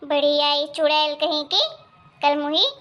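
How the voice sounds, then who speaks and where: A woman's voice: high-pitched, level tone, measured pace, a bit bright, muffled recording. A woman voicing a short-tempered mother-in-law in a cartoon story, scolding and threatening.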